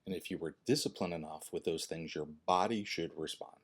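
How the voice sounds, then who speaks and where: A man in his fifties talking to viewers in a personal vlog, earnest and halting, often restarting his words. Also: low-pitched. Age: 50s. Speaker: fitness channel creator and host.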